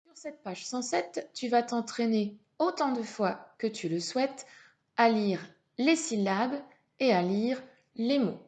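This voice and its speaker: Female primary teacher, slightly high voice, slow patient delivery for a young child's reading lesson. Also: lively intonation, a little mellow. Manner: slow, patient, syllable-by-syllable dictation.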